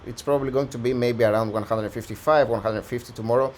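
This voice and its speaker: A man who is slightly hoarse, host of a stock analysis channel, talking through a valuation in a conversational, think-aloud way. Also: mid-range voice, fairly even intonation, quick pace, a little mellow, a little hiss or hum. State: slightly hoarse, losing his voice. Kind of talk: casual stock analysis walkthrough.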